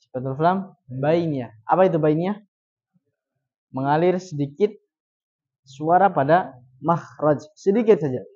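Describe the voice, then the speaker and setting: A man teaching Quran recitation. He poses questions and answers them himself, and he repeats syllables slowly to demonstrate each sound. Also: fairly high pitch, darkish tone. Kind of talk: recitation lesson. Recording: dull lo-fi recording.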